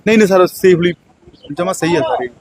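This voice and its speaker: Man, police constable, punjabi accent, outdoors by a canal, fast halting speech, a bit high-pitched. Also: animated, slight background noise. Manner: emotional, halting, says sir often. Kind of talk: on-the-spot interview.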